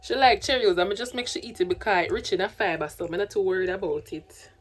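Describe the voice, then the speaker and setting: At home, then in a car and out shopping, a young Trinidadian single mother vlogs casually to her phone camera. Her medium-pitched voice moves fast over soft background music, in a learned Jamaican patois accent that she chattily mixes with standard English.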